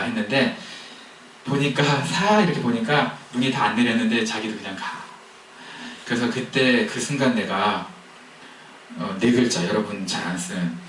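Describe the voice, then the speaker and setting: A man's voice: medium pitch, fairly bright tone, a little hiss or hum. A man preaching a sermon in a conversational, storytelling way, asking the congregation questions as he goes. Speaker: pastor. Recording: echoey hall heard from a distance.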